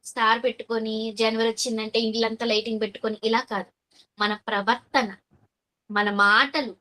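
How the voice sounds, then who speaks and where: A woman delivers a sermon in a high, ringing voice. She keeps putting questions to her listeners and then answers them. When she quotes verses, she slows down and reads them deliberately. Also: level tone, bright, forceful tone. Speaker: preacher.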